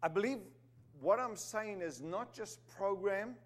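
A high-pitched, animated preacher from Zimbabwe, raised in South Africa, keeps a measured pace through his sermon. He's emphatic, his voice climbing on key words, with humorous asides along the way.

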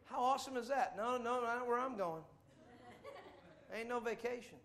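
A man preaching to a congregation, telling travel stories in a jokey, animated way with playful mock voices. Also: very high-pitched, moderate pace, noisy background. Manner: jokey, does voices and mock accents in quotes. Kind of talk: animated sermon storytelling.

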